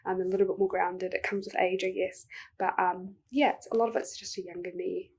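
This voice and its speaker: Soft-spoken young New Zealand woman, gravelly husky voice. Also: medium pitch, fairly even intonation, a little fast. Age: young adult. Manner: soft, reflective, many filler ums. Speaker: poet. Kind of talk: interview answers.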